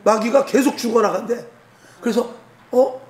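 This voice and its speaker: A man's voice: very high voice, a little fast. A male pastor preaching a Wednesday sermon, exhorting his congregation and acting out biblical scenes. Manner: exhorting, acts out biblical dialogue, jokes. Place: church sanctuary. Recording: echoey church hall.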